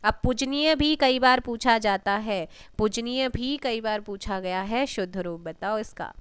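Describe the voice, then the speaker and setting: A woman teaching an exam-prep lesson, reading out questions and giving answers, often clearing her throat. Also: on the high side. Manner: unhurried, reads questions then gives answers, frequent throat clearing.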